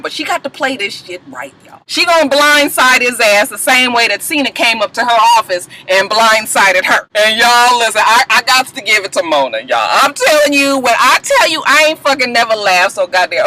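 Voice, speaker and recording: A woman's voice: a little high, background noise. A woman recapping a reality TV episode in casual, profane talk, laughing often.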